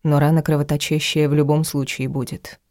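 A woman reading a first-person audiobook in a measured, intimate storytelling manner. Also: deep voice, flat delivery, darkish tone, dry recording, studio quality. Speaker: audiobook reader.

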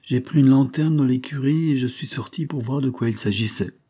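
A man's voice: mid-range voice, a little fast, mellow, pitched above the performer's own voice, natural voice. A man voicing a weary, troubled male doctor testifying in court, speaking in a dull, reluctant way in an audiobook reading.

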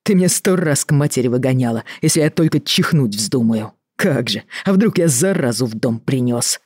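Reader as a weary middle-aged doctor at the end of his rope; reproachful, husky, dry. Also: mid-range voice, lively intonation, darkish tone, no room sound. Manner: tired, reproachful, measured. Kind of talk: audiobook reading.

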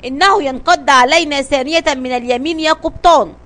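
A woman's voice: high-pitched, a little fast, a bit bright. A woman voicing an anxious male sailor in a children's story, speaking nervously and urgently. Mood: tense.

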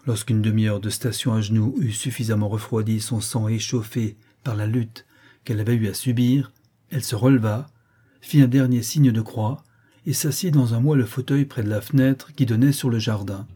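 Brief: male audiobook narrator, mellow and breathy, measured delivery. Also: lowish voice, steady tone. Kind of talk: audiobook reading of a novel.

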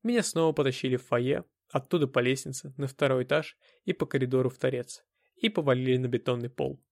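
A man narrating a first-person audiobook in a measured, even storytelling manner. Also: medium pitch, vocal fry, no room sound, studio quality.

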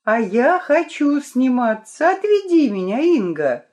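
A bright, high-pitched little girl who chatters without stopping and begs to be let in on things, as a woman reads her. Her voice jumps up and down eagerly in a storybook. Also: very animated, a little slow. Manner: pleading, talks nonstop.

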